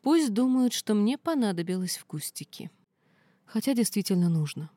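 A woman reading a first-person fantasy novel aloud in steady storytelling. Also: medium pitch, normal speed, no room sound. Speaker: audiobook reader.

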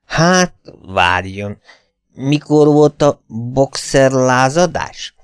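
A man voicing a drunken, muddled old Russian hut keeper with slow, slurred, dazed speech. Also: mid-range voice, big pitch swings, clear, resonant tone, no room sound, studio quality, pitched above the performer's own voice, lightly acted.

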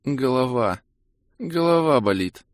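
A man voicing a weak, hungover young woman who whines softly and pleads in an audiobook. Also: mid-range voice, expressive, slow pace, no room sound, clean studio sound, voice pushed up. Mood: whiny. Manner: whiny, soft complaining. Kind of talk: audiobook character voice.

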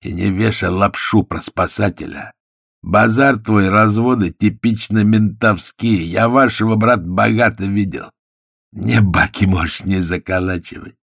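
A hoarse, swaggering gangster, put on by a male reader, drawling his slang with open mockery. The voice sits low with a gravelly edge. It is recorded close and dry. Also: unhurried, fairly bright tone, no echo, heavily acted. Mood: mocking.

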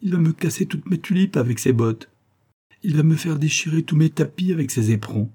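A woman's voice: low voice, lively intonation, fairly quick, dark tone, slightly rough, pitched above the performer's own voice. A man reading the part of a fussy mistress of the house who frets about her carpets and tulips. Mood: dismayed. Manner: fretful, exasperated.

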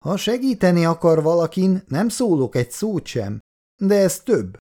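A sharp-tongued, jealous mother who scolds her family indignantly, as a male narrator puts her on. The voice is pushed up high and loud, with wide, agitated swings. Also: very animated.

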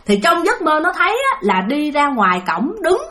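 A woman's voice: high voice, sing-song, moderate pace, bright, forceful tone. A woman telling a ghost story in a chatty way, talking straight to her listeners and repeating things for emphasis.

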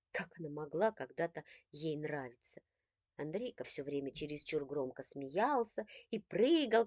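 A woman narrating a children's story as an audiobook, expressive and following the mood of the scenes. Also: medium pitch, dry recording.

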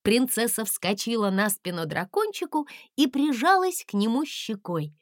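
A woman reading a children's storybook aloud in an expressive, measured way. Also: fairly high pitch, no room sound, clean studio sound. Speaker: audiobook narrator. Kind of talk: scripted storybook narration.

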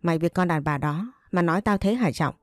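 A spiteful, scornful woman who hurls insults, voiced by a woman reading a story aloud. The voice stays low and mellow, with a dry, close sound. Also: fairly quick, dry recording, lightly acted. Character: spiteful sharp-tongued woman, hostile sister-in-law.

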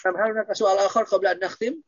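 A man's voice: sits high, steady tone, very fast, dull audio, slight background noise. A man teaching Arabic grammar online, patiently repeating points and quizzing his students.

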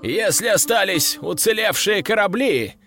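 A man's voice: high voice, expressive, unhurried, fairly bright tone, faint music behind, voice pushed up, exaggerated voice. A man voicing a cruel, vengeful sultan who snarls his orders in an audiobook. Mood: gloating. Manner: snarling, imperious.

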